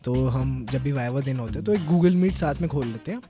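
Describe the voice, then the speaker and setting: A young man trading jokes and exam stories in a loose, teasing way. He talks at a middle pitch over faint music. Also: brisk, mellow. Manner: joking, teasing storyteller. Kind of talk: casual chat.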